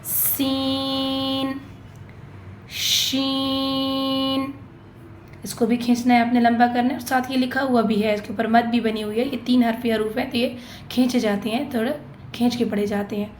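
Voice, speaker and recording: A woman teaches Quran letters in a tajweed lesson and explains patiently, drawing out each letter slowly. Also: on the high side, steady tone, a little mellow, roomy sound, a little hiss or hum, poor audio.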